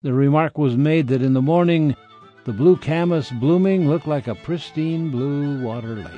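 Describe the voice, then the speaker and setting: A man's voice: a little high, moderate pace, dull audio, soft background music. A man reading scripted history as a radio documentary narrator.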